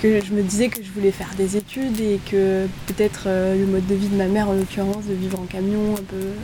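A woman's voice: mid-range voice, a little fast. Hesitant woman talking in a rainy tipi. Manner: hesitant, many fillers and restarts. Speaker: interview guest. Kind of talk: casual interview chat. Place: inside a tipi by a fire in the rain. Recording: steady rain noise in background.

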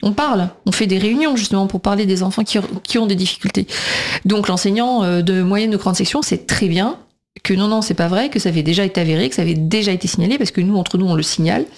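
A woman's voice: mid-range voice, fast talker. Earnest talkative woman radio guest. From Portugal. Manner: talkative, earnest, quotes others in lively voices. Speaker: nursery school teacher and parent guest. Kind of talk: radio talk show interview.

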